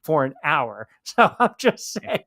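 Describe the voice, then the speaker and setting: A man co-hosts a sports talk show, teasing his partner in loose, playful banter. His voice sits a little higher than most men's. The sound is dry and close, without room echo. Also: big pitch swings, slow pace, gravelly, sharp tone.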